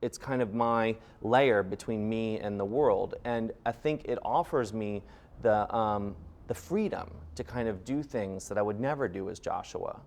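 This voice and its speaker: A man in a documentary interview speaks in a soft, thoughtful way. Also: on the low side, unhurried, creaky.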